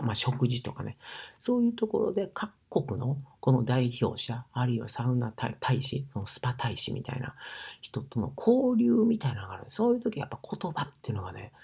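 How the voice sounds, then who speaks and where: A man from Osaka speaking with an Osaka dialect, rambling in a casual monologue with many fillers and often sinking to a breathy near-whisper. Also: medium pitch, dark tone. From Osaka, Japan. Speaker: sauna ambassador.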